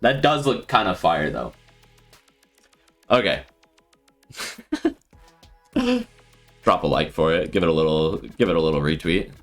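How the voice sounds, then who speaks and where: A man streaming live and thinking out loud with casual commentary, laughing often. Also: low-pitched, sing-song, measured pace, pauses often, soft background music. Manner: thinking aloud, frequent laughter.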